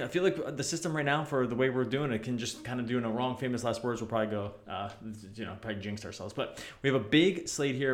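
Echoey-sounding man hosting a sports podcast. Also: medium pitch. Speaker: podcast host. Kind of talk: casual sports podcast banter and analysis. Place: echoey room. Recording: echoey, roomy makeshift podcast setup.

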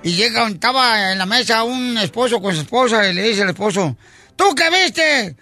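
A man hosting a comedy radio show, rattling off jokes in a lively, rapid way full of fillers and shouts. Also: high voice. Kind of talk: comedy radio joke telling.

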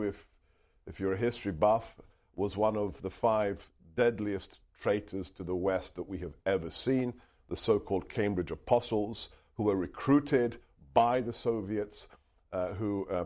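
A middle-aged, UK-raised Hungarian speaker with a fairly low, warm voice tells a story as an author and interview guest. He answers earnestly and emphatically, often restarting his phrases.

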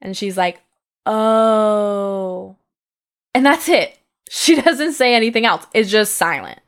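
Animated woman telling a personal story. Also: fairly high pitch, moderate pace. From United States. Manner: lively, animated retelling with acted-out quotes.

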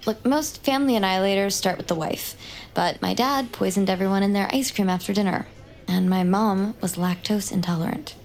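In an audio drama, a woman with a mid-range, fairly quick voice, only lightly acted, portrays an intense young adult who survived a true crime and is awkward about it. The character comes across as glib, blunt, and insistent, and the delivery feels naturalistic.

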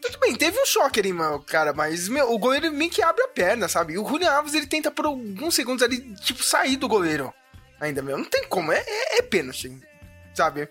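A woman's voice: on the high side, sing-song, fairly quick, a bit bright. A Brazilian woman in casual, slangy, emphatic sports chat as a podcast panelist. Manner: colloquial, emphatic. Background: music.

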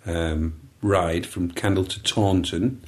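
Dry-witted man, low voice. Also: steady tone, slow. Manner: dry, asks probing questions. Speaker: podcast co-host. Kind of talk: casual chat.

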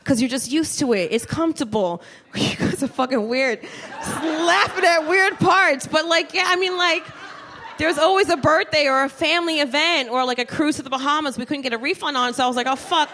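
A woman in her thirties doing stand-up on a club stage into a handheld mic, telling a story, profane and animated, talking to the crowd. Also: sits high, fairly quick. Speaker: stand-up comedian. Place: comedy club stage with live audience. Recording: live show with faint room noise.

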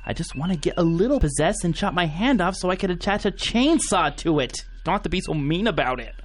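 A man's voice: sits high, expressive, fairly quick, a little hiss or hum. A man playing a dim, gullible cosmonaut in an audio comedy drama, talking in a naive, flippant, slangy way. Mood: sulky.

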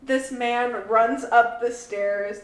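A woman co-hosting a podcast, giving animated, laughing commentary on a movie in casual chat. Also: a little high, takes it slowly, a little hiss or hum. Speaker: podcast co-host. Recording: roomy room sound.

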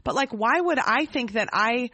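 A woman's voice: on the high side, animated, normal speed, pushed and bright, no room sound. A woman in her forties co-hosting a podcast, chatty and self-deprecating in a casual chat. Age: 40s. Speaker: podcast co-host.

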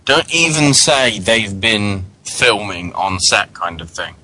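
A man's voice: lowish voice, animated, sharp tone, low-quality recording. A man co-hosting a radio talk show, chatting casually with a wry, joking manner. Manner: chatty, wry, quick to joke. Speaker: podcast co-host. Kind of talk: casual chat.

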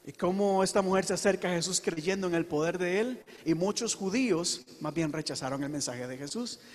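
A man preaching a sermon to his congregation, earnest and emphatic, with slow dramatic pauses. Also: high voice, long reverb tail. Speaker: pastor.

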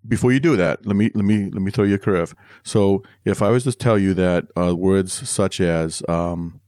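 A middle-aged man co-hosts a music podcast with his son, chatting in a friendly, rambling way with many restarts and corny dad jokes. His low voice is a little mellow and at normal speed, in a dry, studio-quality recording.

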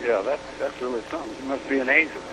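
Over a muffled prison payphone line with faint hiss, an older inmate calls in, rambling, chanting words repeatedly and laughing as he goes. His medium-pitched voice comes rapid-fire, pushed and bright.

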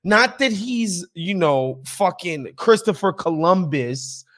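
A man's voice: sits high, slow pace. A man co-hosting a podcast, talking in a casual, profane and emphatic way. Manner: profane, animated, emphatic ranting. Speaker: podcast co-host. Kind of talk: casual chat.

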